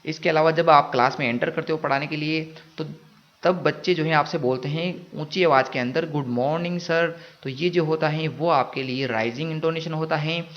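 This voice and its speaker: A man's voice: on the high side, steady tone, brisk. A man teaching an exam-prep class, reading each English phrase and then explaining it in Hindi, often asking a question and answering it himself. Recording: dull lo-fi audio.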